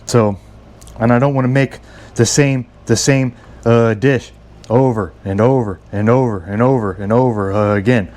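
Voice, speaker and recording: A man's voice: mid-range voice, steady tone, moderate pace, darkish tone. Stammering man rambling through a recipe. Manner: stammers and repeats words often; rambling, self-deprecating. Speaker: home cook. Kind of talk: casual cooking vlog.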